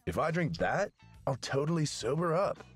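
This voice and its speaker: An actor voicing a drunk, laid-back young partygoer in a video game, drawling and calling everyone bro. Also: male voice, fairly high pitch, big pitch swings, moderate pace, breathy edge, soft background music. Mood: drunken.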